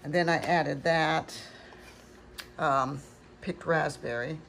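Talking through a craft demonstration in her kitchen at home, an older woman is chatty and a bit rambling, often self-correcting. Her low voice is steady and a bit bright, and she takes it slowly. Noise and clicks are clearly audible in the home recording.

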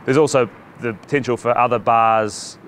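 A man's voice: mid-range voice, fairly even intonation, moderate pace. A man, a staff member at a brew bar, speaks upbeat in a documentary interview and reels off lists. A faint hum sits behind him.

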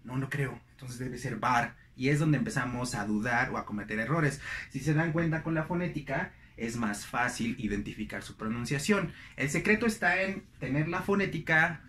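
A man's voice: medium pitch, expressive, moderate pace, hardly any pauses, a bit bright, echoey room, a little hiss or hum. A young man teaching English pronunciation, repeating each word several times with stress. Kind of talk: slow, deliberate pronunciation lesson.

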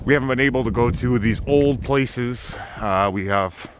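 A man in his thirties with a mid-range voice and normal pace rambles casually in informal slang to camera as an exploration vlogger, outdoors in snow and inside a car. His handheld camera, held at arm's length, gives dull lo-fi audio with clear background noise.

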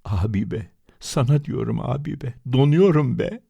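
A man's voice: medium pitch, expressive, normal speed, gravelly, mellow, breathy edge, dull audio, voice pushed up, full character voice. A man voicing a sleepy young boy who whines and pleads while shivering, in a read-aloud story. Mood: whining. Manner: whining, pleading.

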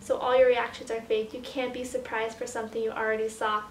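High-pitched young woman, sarcastic comment reading. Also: level tone, fast talker. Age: young adult. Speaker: video creator reacting to comments. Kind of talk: casual vlog, reading comments aloud and reacting. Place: small bedroom, indoors. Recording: echoey bedroom, distant mic, background noise.

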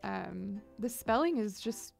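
Taking her time, a young woman with a creaky, mid-range voice and lively intonation chats casually with viewers on her live music stream. She's in a small home studio, close to a big studio microphone on a boom, with headphones on. Her manner is upbeat and talkative, and she squeals greetings at viewers.

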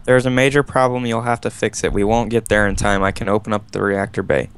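A man's voice: lowish voice, little pitch movement, fast, smooth. A man playing a game with friends, chatting casually and reading in-game text aloud dramatically. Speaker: game player. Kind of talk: casual gaming chat.

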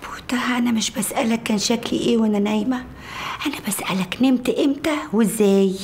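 A young bride with an Egyptian accent and a high voice, drowsy and confused. A faint noise runs underneath. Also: female voice, expressive, quick pace, darkish tone. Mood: puzzled. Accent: Egyptian Arabic. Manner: drowsy and dazed.

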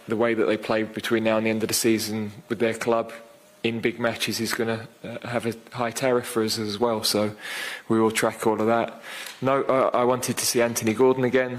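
A man in his fifties, managing a football side, takes reporters' questions after the match via a desk mic. He's thoughtful and measured but restarts often and uses many fillers, his fairly low pitch barely moving.

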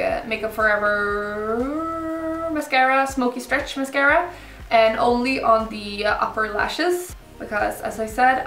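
A young woman casually talking through a makeup tutorial in an informal, unhurried way. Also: on the high side, vocal fry, sharp tone. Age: young adult. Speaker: beauty vlogger. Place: indoor room set up for filming, backdrop. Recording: roomy, slightly distant mic, music behind.

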